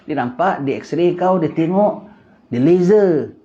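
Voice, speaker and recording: Male preacher, higher pitch, mellow dark tone, animated lecturing, muffled lo-fi capture. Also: slow pace. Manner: animated preaching, rhetorical questions, sudden emphatic bursts. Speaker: religious teacher. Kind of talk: Islamic lecture in casual colloquial Malay.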